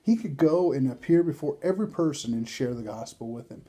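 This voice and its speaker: Guy teaching bible study, chatty, acts out the lines, super warm dark voice. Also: medium pitch, lively intonation, a little fast, breathy edge. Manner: conversational, reads verses and acts out dialogue.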